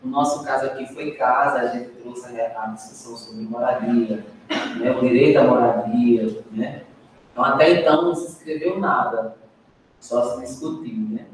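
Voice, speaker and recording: A man's voice: mid-range voice, fairly even intonation, normal speed, slight background noise. Brazilian male teacher in an echoey room. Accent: Brazilian Portuguese. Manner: adds "né?" often, prompts the group to answer. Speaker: teacher leading a training session. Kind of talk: classroom teaching, asking the group questions. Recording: echoey classroom, recorded from a distance.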